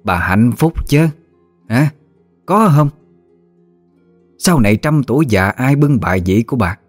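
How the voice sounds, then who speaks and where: A fierce old grandmother, voiced by a male storyteller lashes out in a harsh, accusing tirade. Her pitch swings widely as she scolds, and soft music plays under the storybook reading.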